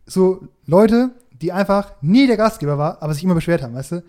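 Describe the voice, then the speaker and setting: A young man in casual podcast chat, animated and slangy, sometimes turning to speak to the listeners. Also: sits high, brisk. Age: young adult.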